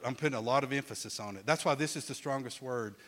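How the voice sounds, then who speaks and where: A middle-aged man leads a Bible class in a loose, conversational manner. He often repeats words as he restarts a thought and turns to his listeners with questions. His voice sits at an ordinary pitch for a man. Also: quick pace, a bit bright.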